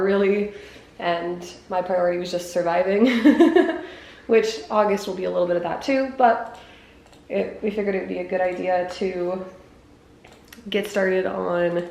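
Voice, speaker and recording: Hoarse, gravelly young woman vlogging. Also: medium pitch, darkish tone, a little hiss or hum, poor audio. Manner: chatty, filler-heavy, rambling. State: hoarse, voice cutting in and out. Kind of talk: casual vlog chat. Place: home.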